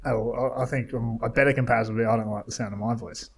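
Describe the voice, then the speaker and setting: A man's voice: mid-range voice, steady tone, very fast, gravelly, husky. A man, a comedian guest on a casual podcast, blunt and joking. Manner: blunt, joking, mildly swearing.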